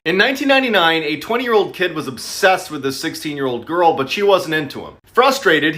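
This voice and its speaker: Lively bright-voiced man narrating dramatically. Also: a little high. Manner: dramatic, punchy storytelling. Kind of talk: true-crime narration to camera.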